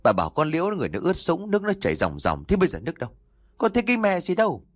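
A man's voice: fairly high pitch, huge pitch swings, rapid-fire, no room sound, clean studio sound, voice pushed up. A man voicing an irritable older village father who scoffs and snaps in a narrated story. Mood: irritated. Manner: snapping, scornful.

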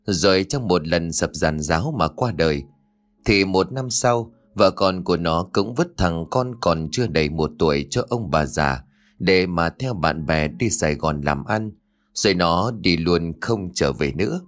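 A man narrating a horror story for an audiobook in an expressive storytelling manner. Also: low-pitched, a little slow.

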